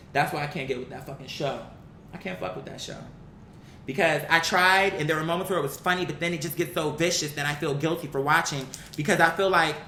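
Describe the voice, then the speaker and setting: An American woman with a fairly bright tone vlogs opinionated, casual commentary to her viewers, sounding blunt, emphatic and slangy as she throws out rhetorical questions and acts out quotes. The room is echoey, with a faint rumble underneath.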